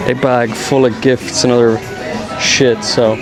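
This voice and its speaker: A man's voice: medium pitch, level tone, a little slow, over music, rough recording. A man giving casual travel vlog commentary, with understated, slangy, rambling asides. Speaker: travel vlogger. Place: walking around an airport terminal.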